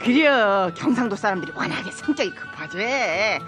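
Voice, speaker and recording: A woman's voice: medium pitch, expressive, moderate pace, natural voice. A woman voicing a proud middle-aged mother with a Jeolla accent who teases her husband in a radio skit. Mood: teasing. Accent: Jeolla dialect. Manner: teasing, boastful about her region. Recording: radio skit over background music.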